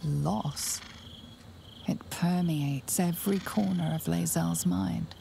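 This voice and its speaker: A grave, all-knowing woman narrating a fantasy game. Her voice is dark and creaky, measured and unhurried, with soft music underneath. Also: on the low side, a little hiss or hum, exaggerated voice. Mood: mournful. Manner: measured, solemn. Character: grave omniscient storyteller woman, solemn and knowing. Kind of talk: scripted dramatic game narration.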